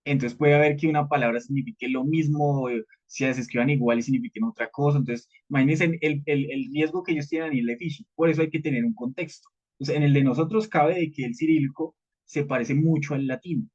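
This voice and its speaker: A man's voice: medium pitch, fast, hardly any pauses, a little mellow. A man leading a live cybersecurity training, explaining at a conversational pace and often checking in with the group. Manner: conversational teaching, frequent "¿listo?" checks, repeated fillers. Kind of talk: live training session with participants. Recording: dull lo-fi audio.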